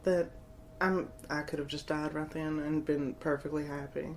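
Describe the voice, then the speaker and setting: A woman's voice: low voice, steady tone, moderate pace, slight background noise. A woman co-hosting a podcast, chatting casually with crude jokes and frequent laughter. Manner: giggly, joking, crude banter. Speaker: podcast co-host. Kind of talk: casual chat.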